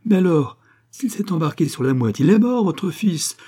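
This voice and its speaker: A man voicing a scheming, gloating male lawyer in an audiobook, shouting defiantly. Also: sits high, sing-song, normal speed, breathy edge, pitched above the performer's own voice, exaggerated voice.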